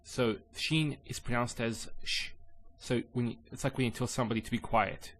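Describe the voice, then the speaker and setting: A man teaching an Arabic linguistics lesson in English, explaining calmly with measured pauses. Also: mid-range voice.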